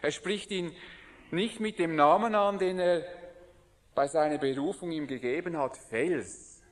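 A man preaching a sermon in an earnest manner, sometimes dropping to a hushed voice. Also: a little high, a little slow, long reverb tail.

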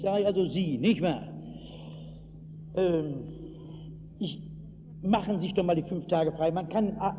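Tinny old recording of a high-voiced German preacher. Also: male voice. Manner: storytelling preacher, shouts out acted calls. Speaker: pastor. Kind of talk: evangelistic sermon. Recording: tinny lo-fi hall recording with hiss.

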